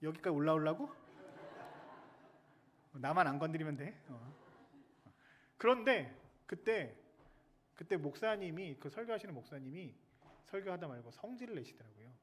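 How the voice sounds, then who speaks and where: A male military chaplain preaching a sermon in a lively, chatty way, joking with the children in the pews. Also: a little high, normal speed, long pauses, a little hiss or hum.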